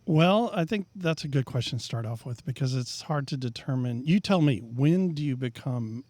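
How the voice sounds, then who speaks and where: A middle-aged man speaking as a guest in a relaxed podcast chat. He explains his craft at length with an even, mid-range voice, pausing on fillers as he thinks. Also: medium pitch, no echo. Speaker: guest painter and professor. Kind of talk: casual interview talk.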